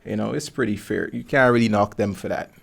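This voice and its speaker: This man from Guyana hosts a podcast, keeping the interview chat casual and loose with lots of slang. He speaks briskly in a fairly low, husky voice with vocal fry.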